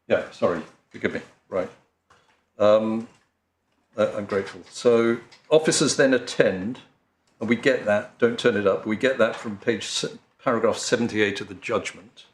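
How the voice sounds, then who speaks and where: A man's voice: lowish voice, moderate pace, slight background noise. An English man, a barrister addressing appeal judges, speaking hesitantly with frequent ums, restarts and apologies. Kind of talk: courtroom legal submission. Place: large courtroom. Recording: roomy courtroom audio.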